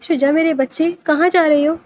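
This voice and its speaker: A woman's voice: high voice, steady tone, darkish tone, natural voice. A woman voicing an anxious, pleading mother who fears for her son, in a storybook reading. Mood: pleading worried. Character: tearful worried middle-aged mother.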